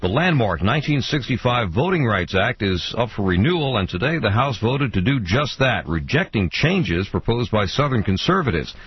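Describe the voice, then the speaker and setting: A man reading a news bulletin in a measured, formal way, heard over an AM radio broadcast. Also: medium pitch, big pitch swings, husky, dull audio. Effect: AM radio broadcast sound. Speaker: newscaster.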